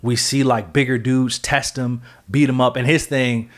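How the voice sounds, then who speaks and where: A man's voice: medium pitch, steady tone, normal speed. Man rambling through a comic recap. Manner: rambling, filler-heavy, self-correcting storytelling. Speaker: podcast co-host. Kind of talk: casual comic-book recap chat.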